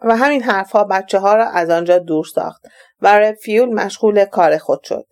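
A woman narrating an audiobook in a steady, even reading voice. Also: mid-range voice. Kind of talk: scripted narration.

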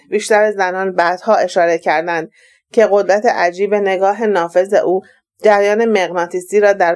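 A woman narrating an audiobook in a steady, even reading voice. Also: medium pitch. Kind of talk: scripted narration.

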